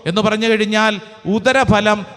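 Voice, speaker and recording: A man's voice: sits high, steady tone, measured pace, a bit bright. A priest preaching a charismatic sermon, telling stories and leading his congregation in call-and-response prayer. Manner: storytelling, then rousing the congregation to clap and pray. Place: large church hall. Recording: long hall reverb.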